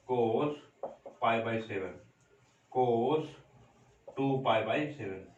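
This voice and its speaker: A man's voice: mid-range voice, recorded from a distance, dull audio. Man teaching maths in an echoey room. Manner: steady step-by-step explaining, repeated check-in questions to students. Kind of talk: classroom lecture at a board. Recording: roomy echo, voice from off mic.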